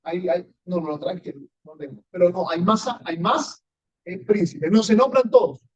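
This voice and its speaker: Emphatic high-voiced male pastor, lo-fi. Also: moderate pace, darkish tone, husky. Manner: emphatic, asks the audience often, rising and falling sharply. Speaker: pastor teaching a class. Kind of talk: sermon-style Bible teaching with congregation questions. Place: church meeting room. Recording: dull lo-fi church recording.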